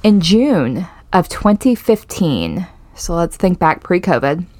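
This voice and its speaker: A woman's voice: lowish voice, very animated, takes it slowly, darkish tone, no echo. A woman co-hosting a podcast in casual, playful banter, recorded inside a small closet. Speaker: podcast co-host. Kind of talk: casual chat.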